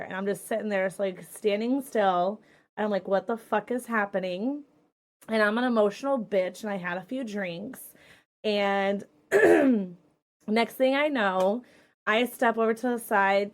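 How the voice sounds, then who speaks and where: Profane young woman telling a story. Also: mid-range voice. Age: young adult. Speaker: podcast host and streamer. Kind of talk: casual storytelling chat.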